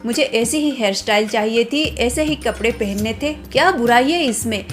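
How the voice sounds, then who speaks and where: A woman's voice: a little high, moderate pace, soft background music, lightly acted. A woman voicing a rebellious young bride-to-be who speaks indignantly and outspokenly. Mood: defiant.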